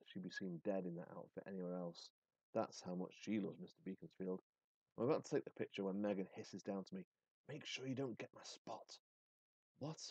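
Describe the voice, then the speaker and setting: Male teacher reading aloud to class, low mellow voice, dull dry recording. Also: dry recording. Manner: expressive reading, then casual with fillers. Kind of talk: reading a story aloud and giving a lesson.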